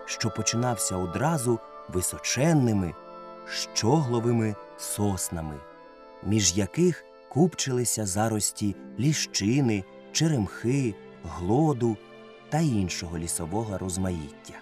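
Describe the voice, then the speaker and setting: A man narrating a children's story as an audiobook, reading in a lively, expressive way. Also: lowish voice, a little slow, soft background music.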